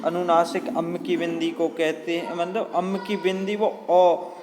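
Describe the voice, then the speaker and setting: A man teaching a grammar lesson, explaining slowly with many fillers and drawing out example words. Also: high-pitched, little pitch movement. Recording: long hall reverb, faint ambient noise.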